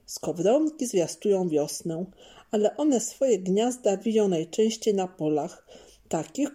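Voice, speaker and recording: A woman reading a patient father explaining. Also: mid-range voice. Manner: calm explaining, measured.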